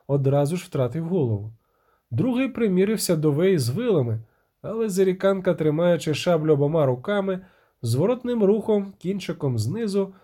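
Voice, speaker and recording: A man's voice: on the high side, dark tone. A man narrating a fantasy audiobook expressively, giving the characters voices.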